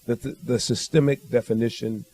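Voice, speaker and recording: A man answering questions as a guest on a panel discussion. He speaks in a measured, thoughtful way, with frequent ums and uhs. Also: medium pitch, fairly even intonation, mellow. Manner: measured and thoughtful, with many fillers.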